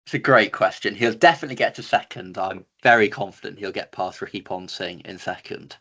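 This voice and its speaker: A man's voice: lowish voice, fairly quick, sharp tone. A young man co-hosting a casual sports chat, confident and cheeky, stating bold opinions. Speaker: co-host.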